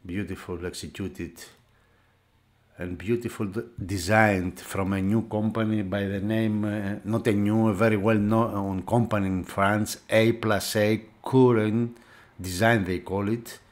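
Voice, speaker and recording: An audio magazine reviewer demonstrates a product in unscripted commentary, his fairly low voice showing little pitch movement. As a non-native English speaker, he keeps pausing and hesitating to find the next word.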